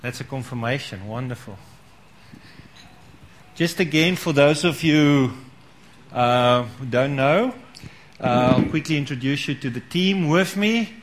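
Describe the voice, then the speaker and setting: A man's voice: mid-range voice, expressive, a little slow, long pauses, slight background noise. A man leading a church gathering, inviting testimonies and encouraging people with repeated words of praise. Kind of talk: casual church meeting talk.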